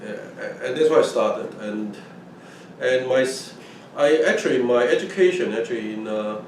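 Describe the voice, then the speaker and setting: An older man from Hong Kong, a native Fujianese (Minnan) speaker, gives a casual oral history account of his early life, restarting and repeating words often. He has a mid-range, somewhat dark voice and speaks at a normal speed. The echoey room, distant mic, and faint noise shape the recording.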